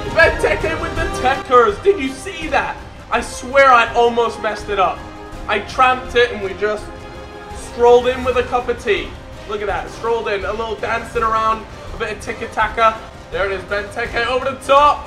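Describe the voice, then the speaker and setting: A young man giving excited, casual gameplay commentary with animated, jokey banter and exclamations. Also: very high voice. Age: young adult. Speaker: gaming video host. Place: bedroom, indoors. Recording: echoey room, music behind. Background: music.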